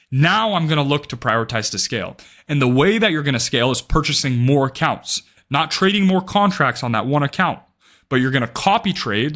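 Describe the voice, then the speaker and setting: A man's voice: medium pitch, a bit bright. Young man, blunt and emphatic, swears a lot, trading advice vlog, keeps asking "right?". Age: young adult. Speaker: day trading vlogger. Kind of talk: direct-to-camera advice talk.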